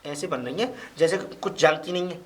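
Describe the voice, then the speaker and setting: A woman's voice: deep voice, normal speed, natural voice. A woman playing a jealous young husband in a comedy sketch, accusing and argumentative. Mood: scheming. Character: jealous young husband, suspicious and hot-tempered.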